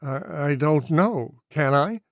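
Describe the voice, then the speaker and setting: A man's voice: a little high, animated, takes it slowly, dry recording, studio quality. A man voicing a confused young male wartime pilot who hesitates and stammers. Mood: unsure.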